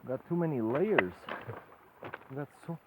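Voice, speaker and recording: A man's voice: medium pitch, expressive, normal speed, narrow, tinny audio, very noisy. A man vlogging on a rocky lakeshore hike, talking in a sing-song, playful way to his dog. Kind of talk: playful outdoor vlog narration. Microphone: phone camera.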